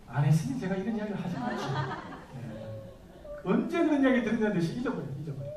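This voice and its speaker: A pastor in his thirties preaches a sermon with a fairly high voice, putting questions to the congregation and answering them himself. He is recorded from some distance in an echoey church hall, with a little room noise underneath. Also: darkish tone.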